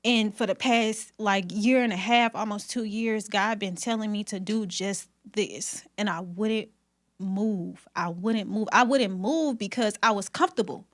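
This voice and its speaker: Woman hairstylist guest, mid-pitched, emphatic and candid, preaching her story. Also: measured pace. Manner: emphatic, faith-filled storytelling. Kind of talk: candid conversation.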